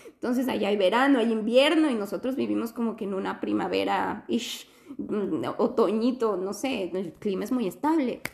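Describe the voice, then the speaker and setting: A young woman from Quito with an Ecuadorian Spanish accent, telling a story in casual chat with animated bursts of laughter. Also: mid-range voice, normal speed, vocal fry. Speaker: guest telling her story.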